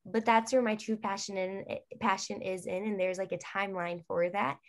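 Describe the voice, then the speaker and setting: A woman's voice: medium pitch, fairly even intonation, normal speed. Chatty young woman on a video call. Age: young adult. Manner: chatty, earnest, digresses. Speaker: guest singer. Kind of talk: casual video-call interview. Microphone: laptop webcam on video call.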